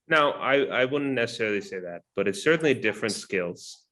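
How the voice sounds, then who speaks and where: A man's voice: mid-range voice, animated, brisk, pushed and bright. A man hosting an interview, asking long, rambling questions full of "um" and "you know" in a friendly, chatty way. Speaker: interview host. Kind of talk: casual interview chat.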